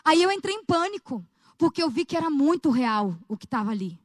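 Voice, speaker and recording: A woman's voice: sits high, fairly quick, no echo, clean studio sound. A woman telling an emotional prayer testimony as a sermon, speaking straight to her listeners. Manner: emotional, animated storytelling, addresses audience as gente. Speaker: preacher.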